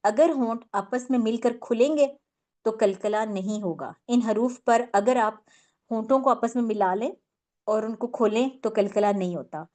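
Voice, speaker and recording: A woman's voice: fairly high pitch, dark tone. Patient woman teaching Quran recitation. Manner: patient step-by-step explaining, many fillers, English words mixed in. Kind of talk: tajweed lesson.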